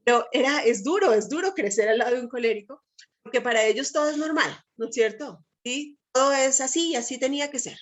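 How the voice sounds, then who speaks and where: A middle-aged woman with a somewhat high voice delivers a Bible teaching talk. She speaks with emphatic conviction and keeps asking her listeners short checking questions as she goes. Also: fairly quick. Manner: peppers speech with tag questions to listeners.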